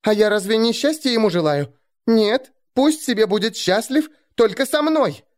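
A shrill village girl, spiteful and tearful, hissing her words in a very high voice, as a male narrator puts her on. Her pitch leaps about wildly. It is a storybook reading. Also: lively intonation, moderate pace. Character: spiteful young village girl, sobbing and vengeful. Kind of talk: audiobook character voice.

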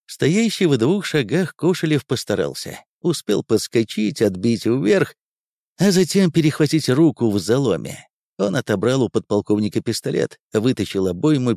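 Lively male audiobook narrator. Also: medium pitch, no echo, clean studio sound.

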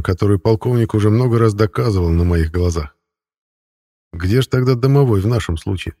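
A man's voice: lowish voice, mellow, slightly rough, no room sound, studio quality. A man reading a first-person audiobook narration in a wry, ironic storytelling manner.

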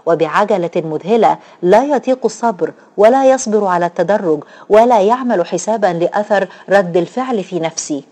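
Female narrator for a dramatic novel reading, mid-pitched voice, lifts her tone for dialogue. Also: mellow. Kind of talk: audiobook narration.

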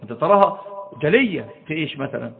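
Man lecturing fast, tinny sound. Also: fairly high pitch, sing-song. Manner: asks the audience rhetorical questions; frequent restarts and drawn-out hesitations. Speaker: Islamic lecturer. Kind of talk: religious lecture. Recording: tinny phone-like audio.

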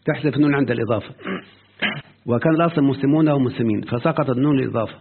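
A man's voice: medium pitch, gravelly, slight background noise. A man with an Egyptian Arabic accent teaching a grammar lesson, often quizzing his student as he explains. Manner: questioning the student often, drawn-out quoting. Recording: tinny lo-fi phone-like line.

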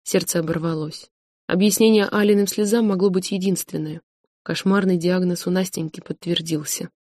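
A woman narrating an audiobook in a measured, even storytelling manner. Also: lowish voice, no room sound, clean studio sound.

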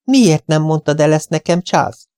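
A man reading an audiobook, voicing a sharp, quick-tempered young woman. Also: mid-range voice, no room sound, natural voice.

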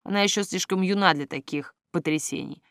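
A woman reading an audiobook, voicing a stern, grumpy young man in a low, gruff tone. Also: brisk, fairly bright tone, dry recording, clean studio sound. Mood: scandalized.

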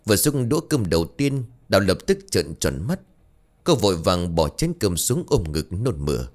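A man narrating a scripted horror story in an expressive storyteller voice. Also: deep voice, moderate pace.

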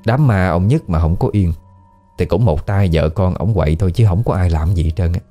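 Deep-voiced man with a Southern Vietnamese accent telling a story. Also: fairly quick. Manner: conversational, colloquial, lively storytelling. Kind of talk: casual spoken ghost story narration. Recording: faint background music.

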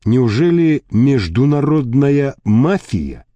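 Guy doing a slow blustery cop captain in an audiobook, dry close sound. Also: medium pitch, sing-song, mellow, no room sound, highs cut off. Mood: blustering. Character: brash, swaggering militia captain, male.

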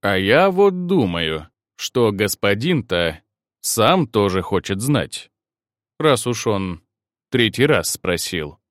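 A man's voice: mid-range voice, sing-song, normal speed, a bit bright, no room sound, clean studio sound. A man doing a teasing guard commander. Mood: drawling. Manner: teasing, laughing, drawling. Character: mocking male guard commander, brash teaser.

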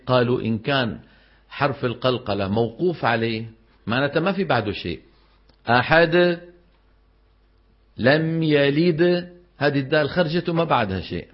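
A man teaching a classroom lesson on Quran recitation. He explains, quizzes his students and drawls example words slowly. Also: mid-range voice, highs cut off.

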